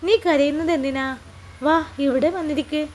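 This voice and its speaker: A woman's voice: high-pitched, fairly even intonation, moderate pace, darkish tone, slight background noise, natural voice. A woman voicing a young husband who coaxes and teases his new wife affectionately in a read-aloud story. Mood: tender teasing. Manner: coaxing, affectionate. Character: young husband, tender and teasing.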